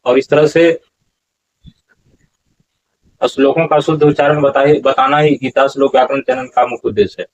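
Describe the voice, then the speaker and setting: A man giving a lesson on correct verse pronunciation, slowly drawing out example words and correcting common mistakes in a repetitive teaching manner. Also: medium pitch, little pitch movement, dull audio, slight background noise. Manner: slow deliberate syllable-by-syllable chanting of examples. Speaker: Gita recitation teacher.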